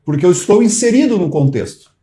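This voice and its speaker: A Brazilian society treasurer appears as a talk show guest, explaining at length with fillers and restarts before driving his points home emphatically. He speaks fast and expressively, his pitch shifting widely while his tone stays mellow and warm.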